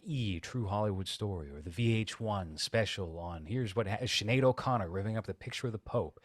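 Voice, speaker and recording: A man with a lowish voice talks in loose, rambling podcast chat, blunt and swearing freely. The sound is dry and close, with no room around it. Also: dry recording. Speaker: podcast co-host.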